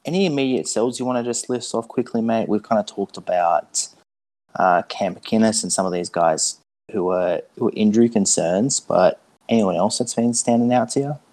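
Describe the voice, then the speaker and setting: A man's voice: lowish voice, normal speed, darkish tone. A man co-hosting a podcast in casual, laid-back, matey sports chat. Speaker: podcast co-host.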